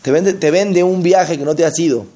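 A man giving an informal religious talk as a rabbi, conversational and full of rhetorical questions, acting out quoted people in quick asides. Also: on the high side, dark tone. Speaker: rabbi giving a Torah class.

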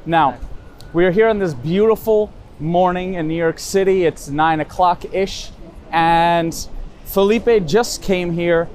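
A man hosts an interview outdoors in a city with traffic nearby, asking curious, probing follow-up questions in a casual tone. His voice is high-pitched, slow and a little mellow, with a bit of hiss or hum on the recording.

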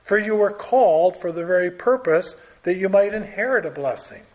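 Male preacher, slightly high voice, emphatic and earnest Bible teaching. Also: lively intonation, moderate pace, a little mellow. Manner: earnest, emphatic, with lists and rising stresses.

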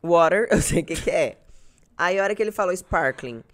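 Speaking briskly in a lowish voice with lively intonation, this young woman from Brazil is a podcast guest in casual chat. She shares self-deprecating stories.

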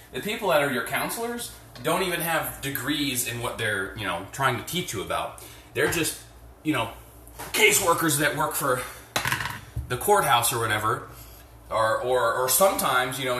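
A man's voice: mid-range voice, pushed and bright, distant mic, slight background noise. A man hosting a podcast on his phone while doing chores at home, ranting bluntly and profanely with lots of fillers, his voice echoing around the room. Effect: echoey room sound. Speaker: podcast host. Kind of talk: casual rambling rant. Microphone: phone without headset. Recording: echoey room, phone held away.

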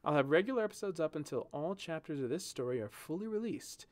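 A man narrating a fantasy story as an audiobook with an expressive, lively reading; he also hosts his own channel. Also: fairly high pitch, fast talker.

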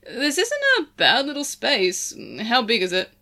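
A woman voicing a deep-voiced man in his thirties or forties who is polite, chatty and nosy. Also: big pitch swings, unhurried, sharp tone, heavily acted.

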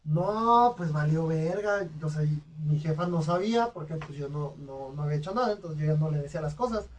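A man's voice: fairly high pitch, brisk, far from the mic, highs cut off. A young Mexican man spins a school story in loose, slang-heavy chat, laughing along and putting on voices as he goes. He sits a little back from the mic, and a faint noise hums behind him. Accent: Mexican Spanish.

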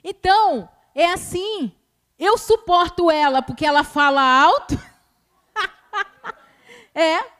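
A woman with a Brazilian accent preaching a colloquial sermon at a church service, chatty and teasing, her voice swinging between loud and hushed. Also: very high-pitched, lively intonation, takes it slowly, pauses often.

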